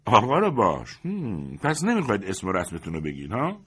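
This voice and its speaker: A man voicing a brash, nosy male best man at a wedding, loud and mocking. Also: deep voice, wildly swooping pitch, husky, full character voice. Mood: indignant.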